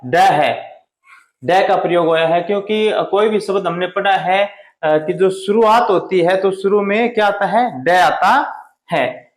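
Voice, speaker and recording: A man teaching a Hindi grammar lesson at the board, asking questions and answering them himself, slowing down hard on key words. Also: high-pitched, roomy sound. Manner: drawn out slow on key words.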